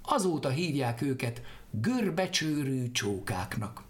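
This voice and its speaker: Lively man reading a folk tale. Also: mid-range voice. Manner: lively, expressive. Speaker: narrator.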